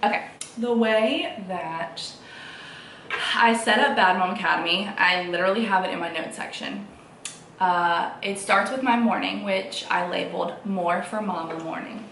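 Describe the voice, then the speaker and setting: Informal and meandering, a young vlogging mom talks to the camera indoors at home at a normal speed. Her medium-pitched voice is creaky, fairly bright and a little congested, and the far-placed mic picks up room echo and faint noise.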